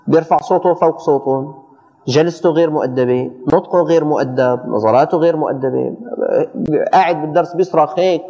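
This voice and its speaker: A man teaches a religious lesson in quick, high, lively speech. He often trips over a word and repeats it before pressing on. The sound is dull and muffled, with a long hall echo. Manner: animated, stumbling restarts, repeats phrases for emphasis.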